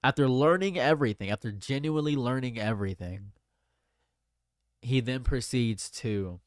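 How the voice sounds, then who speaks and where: A man's voice: medium pitch, normal speed, dry recording, studio quality. A man in his late twenties chatting casually on a livestream, rambling and repeating his phrases. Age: late 20s. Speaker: streamer.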